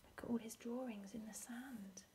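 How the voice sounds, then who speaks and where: Expressive teacher reading aloud. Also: female voice, on the high side, moderate pace. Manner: expressive, often whispering, asks the children questions. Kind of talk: reading a storybook aloud to children.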